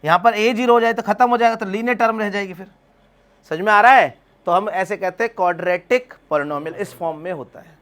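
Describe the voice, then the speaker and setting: A man's voice: high-pitched, fast talker, fairly bright tone. A math teacher, lecturing a class. He keeps asking his students questions and answers them himself, calling them beta as he talks them through each step.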